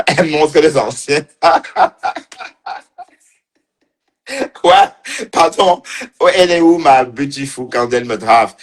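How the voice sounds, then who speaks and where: A man's voice: medium pitch, steady tone, normal speed. A man giving casual livestream commentary, teasing and mocking as he talks, laughing often and repeating phrases. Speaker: online commentator.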